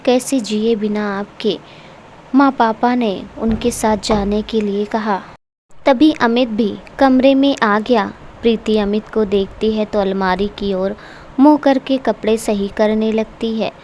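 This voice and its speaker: A woman narrating an emotional family story in a steady, emotive reading style. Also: fairly high pitch, a little slow, a little hiss or hum.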